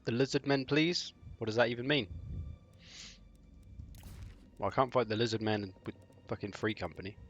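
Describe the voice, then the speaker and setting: A man's voice: mid-range voice, fast, faint music behind. Sardonic male game streamer, muffled audio. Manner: sardonic, bantering with chat; frequently clears throat. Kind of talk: casual live-stream chat.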